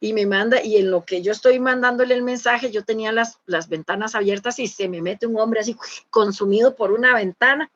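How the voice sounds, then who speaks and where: A woman's voice: fairly high pitch, brisk, fairly bright tone, dull audio. Earnest Costa Rican woman telling a testimony. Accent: Costa Rican Spanish. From Costa Rica. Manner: earnest storytelling with many fillers and restarts. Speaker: church speaker. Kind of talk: conference testimony.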